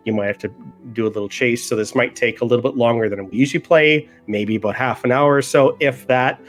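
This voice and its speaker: A man improvising as a tabletop game master in a casual way, halting and repeating words as he goes. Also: mid-range voice, steady tone, soft background music.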